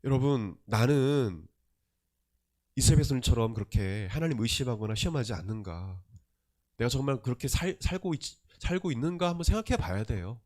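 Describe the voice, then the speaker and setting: Animated Korean pastor preaching a sermon. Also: male voice, mid-range voice, fairly quick. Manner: emphatic, rhetorical questions, swings between loud and soft.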